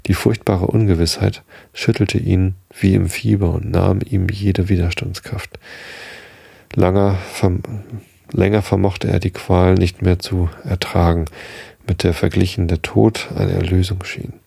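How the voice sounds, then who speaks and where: A man narrating a literary story in a measured, steady storytelling voice. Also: deep voice, creaky, slightly rough, dry recording, studio quality. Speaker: audiobook narrator.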